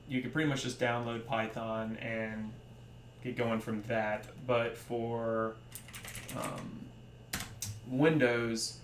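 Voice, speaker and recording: A young man, a library developer, giving a casual screen-recorded tutorial, relaxed and full of ums and trailing pauses. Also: medium pitch, gravelly. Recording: roomy echo with faint hum.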